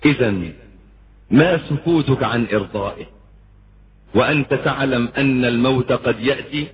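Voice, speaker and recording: A man with an Egyptian accent giving an impassioned sermon, swinging between pleading and booming. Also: moderate pace. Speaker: preacher. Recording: muffled lo-fi lecture recording with faint hiss.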